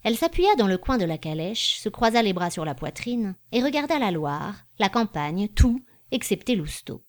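A woman reads a classic novel aloud as an audiobook narrator. Her delivery is measured and even. Her voice sits in a middle pitch for a woman. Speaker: audiobook reader.

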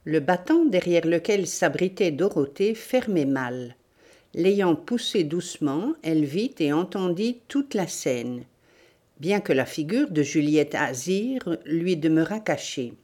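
Slow, low-voiced woman reading a novel. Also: animated, mellow. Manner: measured, deliberate reading. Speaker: audiobook reader. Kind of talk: audiobook narration.

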